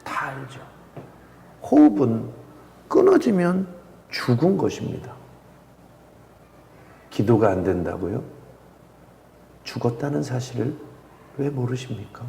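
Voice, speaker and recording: Male pastor, fervent sermon with hushed drops, very animated pitch, long reverb of a church hall. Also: slow pace, vocal fry, long pauses, a little hiss or hum. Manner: swings from loud impassioned preaching to hushed near-whispers. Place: church sanctuary.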